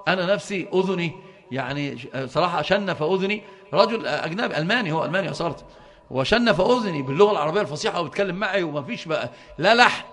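A man's voice: on the high side, expressive, racing, a bit bright. A middle-aged man with an Egyptian accent explaining a religious book to his students. He speaks fervently and often stalls on repeated syllables before finding his word. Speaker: religious teacher.

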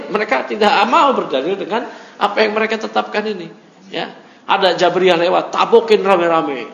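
Animated male religious teacher, echoey. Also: high voice. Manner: lively, reads Arabic then explains, acts out mock dialogues; asks the class questions. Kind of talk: study circle lecture on a text. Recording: echoey, dull lo-fi room recording.

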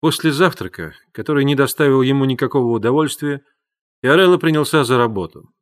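A man narrating an audiobook in a calm, measured storytelling voice. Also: medium pitch. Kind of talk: scripted narration.

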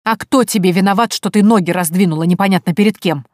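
A woman's voice: lowish voice, fairly quick, a little mellow, dry recording, studio quality, natural voice. A woman reading an audiobook, voicing a tearful, spiteful and domineering older merchant's wife who wails and scolds. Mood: indignant. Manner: wailing, scolding, indignant.

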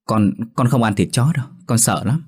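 A man's voice: medium pitch, brisk, a little mellow, slightly rough, pitched above the performer's own voice, natural voice. A man voicing a frightened little boy who stammers and speaks timidly. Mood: scared.

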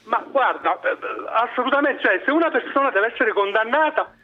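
A man's voice: extremely high pitch, animated, fairly quick, narrow, tinny audio. A man who works as a DJ, interviewed on the radio over the phone. He speaks earnestly and keeps restarting his sentences. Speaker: radio guest, DJ.

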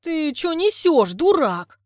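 A woman voicing a loud, short-tempered village woman with a deep throaty voice, who snaps curt insults between pants. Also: very animated, takes it slowly, no room sound, studio quality, exaggerated voice. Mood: scolding. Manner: shouting curt insults, panting.

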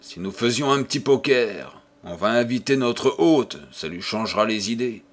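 A man's voice: mid-range voice, animated, moderate pace, lightly acted. Storybook role: carefree young card player, teasing, man reading. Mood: breezy. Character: flippant young man, keen gambler.

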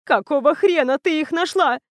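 A woman's voice: high voice, normal speed, no echo, pitched above the performer's own voice, natural voice. A woman voicing a hysterical middle-aged foster mother who whines and wails through tears. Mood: shrieking. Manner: whiny, wailing through tears.

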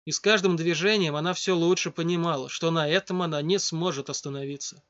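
A man reading a story aloud in a steady, scripted narration. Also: a little high, a little fast. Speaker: audiobook narrator. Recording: dull lo-fi dry recording.

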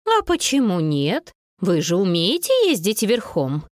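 A woman voicing a kind, gently teasing grandmother who speaks calmly, read as an audiobook. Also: fairly low pitch, measured pace, no echo, studio quality. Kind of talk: audiobook narration.

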